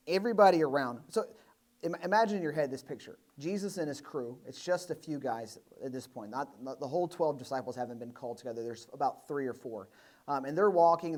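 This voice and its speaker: A man's voice: on the high side, darkish tone. A young adult man preaching a sermon in a church, talking in a casual, conversational way and acting out voices of the people in the story. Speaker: pastor.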